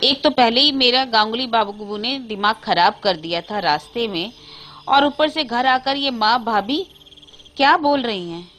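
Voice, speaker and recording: A woman's voice: on the high side, lively intonation, measured pace, fairly bright tone. A woman voicing an irritated, skeptical grown man who protests in exasperation, in a Hindi storybook tale. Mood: exasperated.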